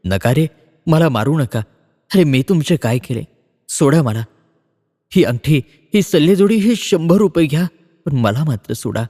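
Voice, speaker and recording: A man's voice: on the low side, moderate pace, long pauses, darkish tone, voice pushed down, natural voice. A man voicing a fearless village landlord who shrugs off warnings and later begs robbers for his life. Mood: begging. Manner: brushing off, then pleading. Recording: long reverb.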